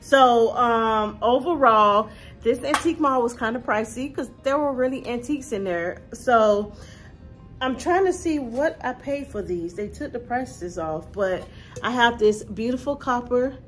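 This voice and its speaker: A woman, chatting casually to camera about her thrift finds from her living room and calling her viewers y'all. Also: on the high side. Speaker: thrift haul vlogger. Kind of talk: casual haul vlog to camera.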